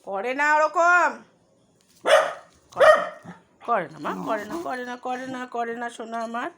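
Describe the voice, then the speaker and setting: A woman at home filming her dog, coaxing and soothing it with gentle baby talk. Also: fairly high pitch, normal speed, very noisy. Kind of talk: casual home vlog. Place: home, indoors. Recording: loud dog barking behind her.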